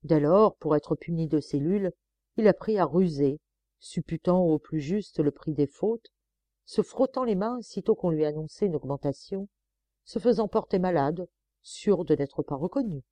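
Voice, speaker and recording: A woman reading a short story aloud as an audiobook, measured and expressive. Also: on the low side, no room sound. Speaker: audiobook reader. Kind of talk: scripted narration.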